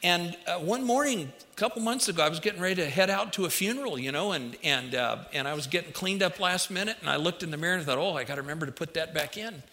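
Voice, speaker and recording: A man with a fairly high, bright voice delivers a folksy, conversational sermon straight to his listeners. His speech is slightly affected by a dental retainer he is wearing. The sound carries the long reverb of a big hall. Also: expressive, fast, hardly any pauses. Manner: folksy, direct address to listeners with anecdotes. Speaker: preacher. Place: large hall, speaking to a congregation.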